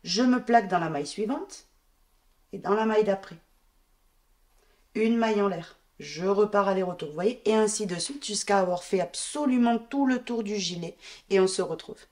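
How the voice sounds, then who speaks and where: Calm and even, a woman with a stuffy head cold talks through a crochet pattern, counting her stitches aloud and keeping every step plain. Her voice sits at an ordinary middle pitch for a woman. She's a crochet tutorial host, working indoors at a wooden table.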